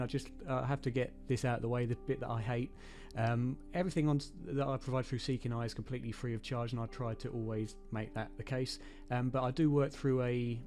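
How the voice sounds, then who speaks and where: A man's voice: mid-range voice, darkish tone. A man hosting an online research forum, polite and slightly self-deprecating. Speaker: host.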